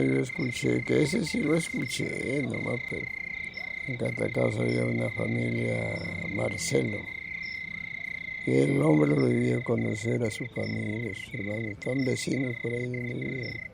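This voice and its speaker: Gravelly old Peruvian grandfather, low-voiced. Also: background noise. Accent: northern Peruvian. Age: older. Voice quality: gravelly, creaky aged voice. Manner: rambling, repeats phrases, colloquial. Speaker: grandfather recounting local oral history. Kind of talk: informal oral storytelling.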